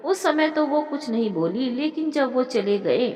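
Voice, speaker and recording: Woman storyteller, lively melodic read, fairly high voice, roomy echo. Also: measured pace. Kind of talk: storytelling narration. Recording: echoey room with long reverb.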